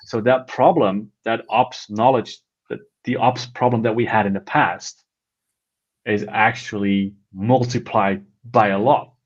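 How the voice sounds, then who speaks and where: A lower-pitched man talks through a casual tech conversation with eager enthusiasm. He rambles and restarts his sentences as he goes. The recording sounds a little dull and lo-fi. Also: fairly even intonation, measured pace. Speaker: podcast co-host.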